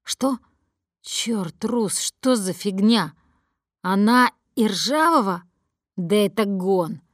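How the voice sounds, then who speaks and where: A woman reading an audiobook voices a panicky tattooed young thug who shouts and disbelieves. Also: mid-range voice, lively intonation, slow pace, no echo, clean studio sound. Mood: frantic.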